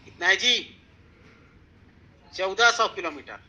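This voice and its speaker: Male teacher, very high pitch, exam-prep lecture, repetitive, quizzing students. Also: expressive, takes it slowly, sharp tone, low-quality recording. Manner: repetitive, keeps asking students questions and checking with "theek hai".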